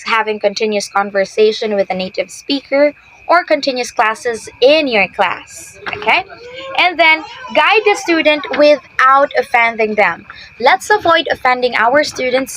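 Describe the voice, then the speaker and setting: A woman's voice: fairly high pitch, a bit bright, poor audio. A woman teacher giving patient, explanatory tips to other teachers, often checking in with "okay?". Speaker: ESL teacher. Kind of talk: instructional talk to teachers.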